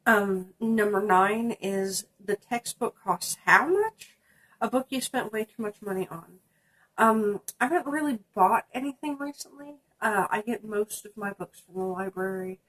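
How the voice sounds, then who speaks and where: This book vlogger, a young woman congested with a sinus infection, talks casually through a book tag, reading prompts aloud and saying um a lot. She speaks at a measured pace in a medium, fairly bright voice, and the audio quality is poor.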